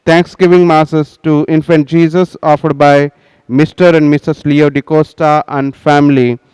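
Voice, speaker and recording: A priest speaks into an altar microphone in a large cathedral. His voice is smooth and clear and sits a little high for a man. He intones in a solemn, measured way, with long reverb trailing off each phrase. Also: flat delivery, a little mellow. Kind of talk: presiding at Mass.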